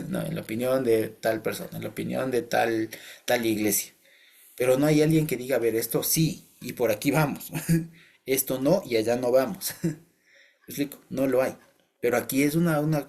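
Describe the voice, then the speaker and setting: A man with an Ecuadorian Spanish accent leads an informal Bible study in a mid-range voice. He talks conversationally, tosses in quick tag questions to check understanding, and chuckles now and then as he explains. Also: medium pitch, a little mellow. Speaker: Bible teacher.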